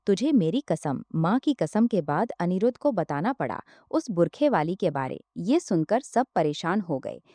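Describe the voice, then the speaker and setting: A woman's voice: lowish voice, sing-song, moderate pace, few pauses, dark tone, dry recording. A woman storyteller narrating a novel, reading every part herself and tagging each speaker by name.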